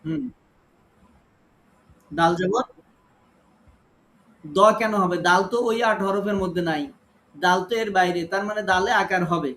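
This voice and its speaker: High-pitched and a bit bright, this man's fairly quick voice leads an online Quran recitation class. Speaking with a Bangladeshi Bengali accent, he has students read one by one and corrects them patiently.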